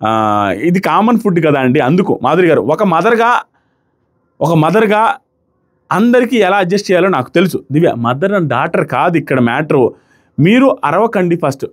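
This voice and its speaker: A man's voice: fairly high pitch, animated, normal speed, pauses often. A man reviewing a reality show in casual, argumentative talk, often acting out what contestants said. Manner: emphatic, argumentative, re-enacts quotes loudly.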